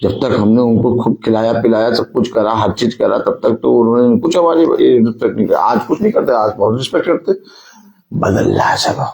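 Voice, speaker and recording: A man's voice: medium pitch, fairly quick, vocal fry, a little mellow, poor audio. Man preaching, firing rhetorical questions. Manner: fires rhetorical questions at the congregation. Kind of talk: sermon with call-and-response.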